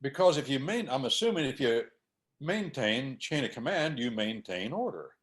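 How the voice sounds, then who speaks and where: A man's voice: medium pitch, very animated, normal speed, a bit bright. A man hosting a conversation, driving points home with emphatic, preacher-like repetition. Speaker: host. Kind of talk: conversational talk on faith and order.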